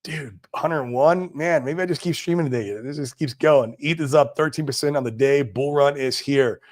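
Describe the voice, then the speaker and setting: A man's voice: fairly high pitch, normal speed. A man in his forties hosting a casual livestream, chatting in a laid-back, slangy way and peppering his talk with "man" and "dude". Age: 40s. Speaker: livestream host. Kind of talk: casual livestream chat reading viewer comments. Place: home in Puerto Rico.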